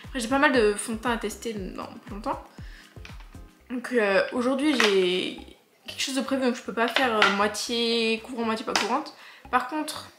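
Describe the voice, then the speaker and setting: A woman's voice: on the high side, fairly bright tone. A young woman, chatting through a casual makeup tutorial with joking asides and lots of fillers. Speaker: beauty vlogger. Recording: echoey room with faint music.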